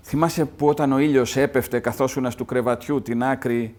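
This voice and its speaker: A restless young man who dodges hard topics and speaks gently to his dying mother, as a man reads the part aloud. The voice has a middling pitch and a quiet, even reading tone. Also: lightly acted. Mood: gentle. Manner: read aloud from a play translation.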